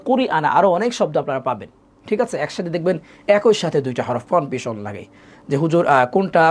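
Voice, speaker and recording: A man leads a live online Quran reading class. He sounds out each letter and vowel mark slowly, with a lively, swooping pitch, then blends them into words. Between drills he praises and thanks his students by name. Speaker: Quran recitation teacher.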